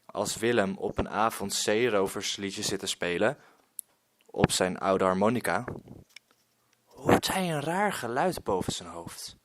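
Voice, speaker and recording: A man reading a children's story aloud in an expressive storytelling manner. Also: fairly low pitch, unhurried.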